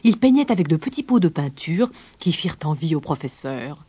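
A woman narrating a children's storybook with a gentle, expressive read-aloud manner. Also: deep voice, brisk, husky, dry recording.

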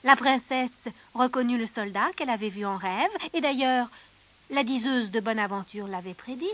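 A woman narrating a fairy tale in an expressive storybook manner, dropping to hushed tones and rising for drama. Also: a little high, normal speed.

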